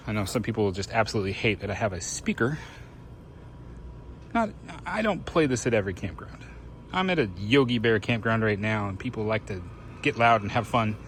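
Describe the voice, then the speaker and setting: A man's voice: mid-range voice, fairly bright tone, slight background noise. A man talking in a casual, informal vlog style, thinking aloud as he narrates his chores. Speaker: RV living vlogger. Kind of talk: casual first-person vlog chat while doing chores.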